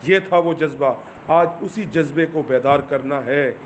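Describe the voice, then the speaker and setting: A man's voice: fairly high pitch, highs cut off, slight background noise. A man with a Pakistani accent giving a fervent political speech, full of rhetorical questions, recorded while driving. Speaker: movement chairman.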